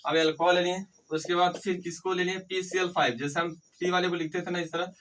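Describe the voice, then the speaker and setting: A man with a fairly high voice teaches chemistry at a board. He keeps asking his students questions, answers them himself, and repeats the terms so they stick. His tone stays encouraging, and the mic sits a little away from him. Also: little pitch movement, a little fast, fairly bright tone, far from the mic, slight background noise, low-quality recording. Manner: encouraging, addresses students fondly. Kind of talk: whiteboard lecture.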